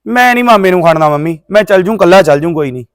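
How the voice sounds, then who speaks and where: A man plays an evasive young Punjabi village son, easygoing and secretive. His voice sits high and moves fast, recorded dry and close. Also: animated, smooth, no echo. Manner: brushing off questions, placating. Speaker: grown son. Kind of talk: village drama acting.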